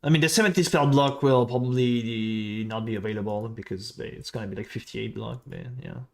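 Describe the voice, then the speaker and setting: A man's voice: lowish voice, fairly quick, gravelly. A man with a French accent streaming a game, thinking aloud, muttering to himself and answering chat in a casual way.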